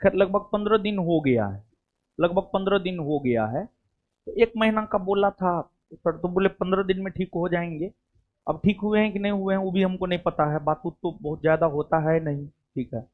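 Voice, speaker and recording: Over phone-quality audio, a man with a high-pitched voice talks fairly quickly to his coaching class. As their teacher, he rambles chattily, keeps returning to small check-ins with the students, and repeats "theek hai" often.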